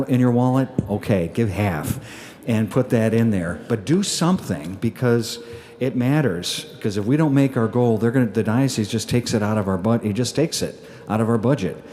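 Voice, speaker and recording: Chatty pastor with a dark low voice. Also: male voice. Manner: chatty, folksy, with many fillers and restarts. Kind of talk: casual homily with an appeal. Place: church at Mass.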